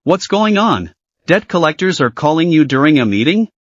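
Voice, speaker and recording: An angry office manager berating an employee in a manhwa recap, put on by a male narrator. His speech is harsh and scolding. The voice sits higher than the narrator's plain tone. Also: sing-song, normal speed, no echo, highs cut off.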